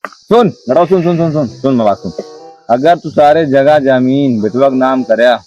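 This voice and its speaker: A man's voice: mid-range voice, moderate pace, warm tone, highs cut off, faint music behind, lightly acted. Man playing a bossy, tipsy Awadhi drinking buddy. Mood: insistent. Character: bossy, coarse village drinking buddy, nagging. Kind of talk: improvised comedy skit.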